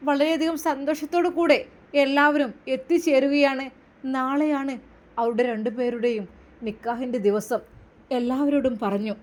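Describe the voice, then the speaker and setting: A woman narrating a family drama story in a dramatic, expressive way. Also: sits high, normal speed.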